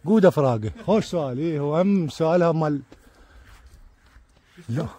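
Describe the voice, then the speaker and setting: Excitable husky Iraqi man. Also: fairly high pitch, brisk. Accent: Iraqi Arabic. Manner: excitable, repeats words, frequent religious blessings. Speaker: pigeon keeper filming his birds. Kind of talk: casual live commentary to viewers.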